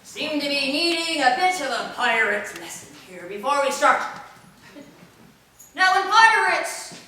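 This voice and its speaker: A woman's voice: sits high, very animated, measured pace, sharp tone, full character voice. A woman playing a jolly old male pirate sea dog, telling a story live in character with hearty growls and frequent chuckles, recorded in a theatre hall. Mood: boisterous. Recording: echoey hall from far off.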